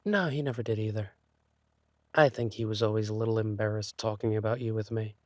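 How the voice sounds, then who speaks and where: A man playing an insecure, lovesick thief boyfriend in a romantic audio role-play, speaking haltingly and tenderly. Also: lowish voice, steady tone, darkish tone, dry recording, lightly acted. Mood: wistful, gentle. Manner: hesitant, halting, sighing delivery.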